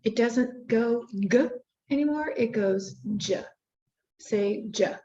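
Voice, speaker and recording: A woman's voice: a little high, unhurried, dark tone, echoey room, highs cut off. A woman tutoring a student one-on-one in a phonics lesson, giving short, patient drill prompts. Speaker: reading tutor.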